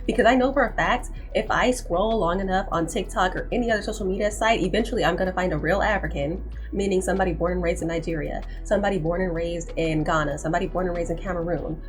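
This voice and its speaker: Emphatic young woman, lowish voice. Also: quick pace, music in the background. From United States. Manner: emphatic, insistent, repeats herself for stress. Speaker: commentary channel host. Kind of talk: opinion commentary to camera.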